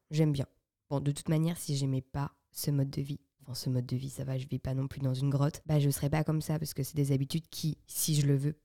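Young woman, podcast host. Low-pitched, mellow voice with a dry sound. Playful, chatty and self-mocking. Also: no echo. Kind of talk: casual chat.

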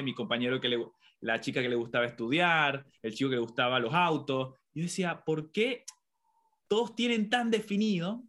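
A young Venezuelan man, whose Spanish accent blends Venezuelan, Colombian and Argentine traits, reflects on his life story as an interview guest. His voice is a little high and fairly bright, and he tells anecdotes, acting out voices from his childhood.

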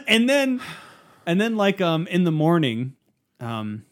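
A man's voice: high voice, big pitch swings, slow. A man co-hosting a podcast, telling a long rambling story in casual chat and acting out the quotes. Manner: rambling anecdote with acted-out quotes. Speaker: podcast co-host.

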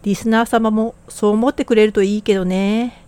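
A woman's voice: mid-range voice, fairly even intonation, normal speed, dark tone, clear, resonant tone, no echo. A woman co-hosting a podcast, talking in a blunt, casual, plain way. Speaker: podcast co-host.

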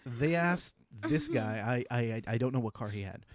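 A man's voice: mid-range voice, lively intonation, normal speed. A man co-hosting a casual podcast, explaining things at length with frequent ums and restarts. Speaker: podcast co-host explaining electric cars.

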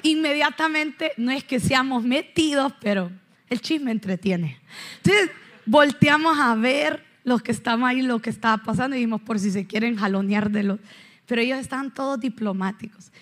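A woman pastor in her thirties preaching in church, telling animated stories and asking the congregation questions. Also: fairly high pitch, moderate pace. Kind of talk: sermon.

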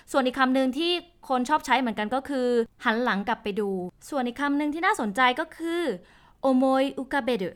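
A woman's voice: on the high side, a bit bright, clear, resonant tone. A young woman hosting a podcast and explaining each point step by step in a chatty, casual way. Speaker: language podcast host. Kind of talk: casual spoken lesson.

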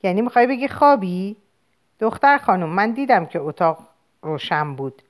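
A woman's voice: medium pitch, animated, close to an everyday voice. Woman reading as a stern, weary mother. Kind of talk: audiobook character voice.

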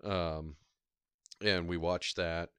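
Deep-voiced man, calm and measured. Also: smooth, no echo. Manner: thoughtful, measured storyteller with frequent ums. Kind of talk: casual chat.

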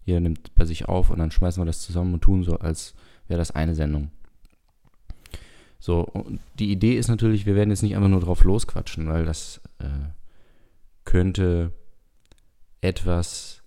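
Deep, dark-voiced man with gravelly rasp. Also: fairly even intonation, moderate pace. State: a bit tired. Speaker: podcast and radio show host. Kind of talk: casual rambling monologue.

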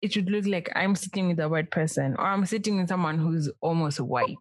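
A woman's voice: fairly low pitch, a little fast, no room sound. A woman from Kenya interviewing a friend in a casual chat, friendly and teasing, laughing often.

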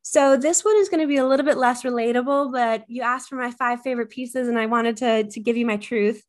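A woman's voice: on the high side, steady tone, brisk. Chatty woman guest with frequent ums. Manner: chatty, many ums, enthusiastic. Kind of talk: casual podcast interview.

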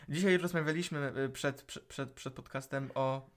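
A man's voice: medium pitch, fairly even intonation, normal speed. A teenage man co-hosting a casual podcast, often repeating words as he gathers his thoughts. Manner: hesitant, repeats words while thinking. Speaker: podcast co-host. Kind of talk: casual chat.

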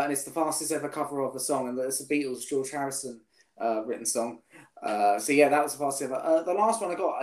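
A man hosting a podcast, chatting casually and quizzing his guest with many restarts and fillers. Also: medium pitch. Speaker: podcast host. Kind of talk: casual chat. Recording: echoey room.

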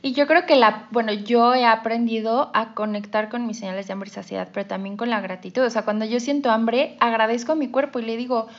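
A woman's voice: fairly high pitch, steady tone, a little fast, hardly any pauses. Woman host, dull lo-fi sound. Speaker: podcast host. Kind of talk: casual podcast conversation.

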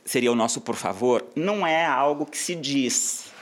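A Brazilian man, a podcast guest, explains etiquette and style in casual chat, measured and drawing out key words. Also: medium pitch, animated.

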